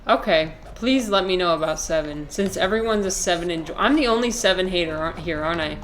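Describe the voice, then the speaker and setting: A woman's voice: lowish voice, a little fast, soft background music. A woman in her twenties chatting casually with her viewers while she plays a game, rambling, swearing freely and answering chat comments. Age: 20s. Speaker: live streamer playing a video game.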